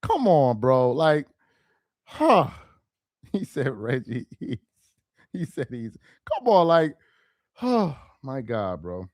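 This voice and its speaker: A young man of Nigerian heritage hosting a casual livestream speaks slowly at medium pitch, pausing often. He reads viewer comments aloud and talks directly to chat, animated, laughing and exasperated. The audio is studio quality, free of echo.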